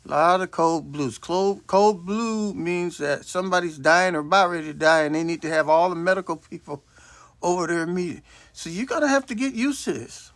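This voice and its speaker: A man's voice: high voice, fairly quick, fairly bright tone, no echo. A man in his late sixties telling a rambling, blunt story as a casual monologue into his phone. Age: 60s. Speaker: vlogger. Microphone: self-recorded on a phone.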